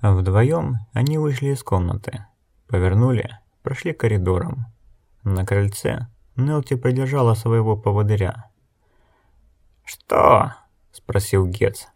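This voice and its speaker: Guy reading an audiobook, lowish voice, even and measured. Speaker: audiobook narrator. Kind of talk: scripted narration.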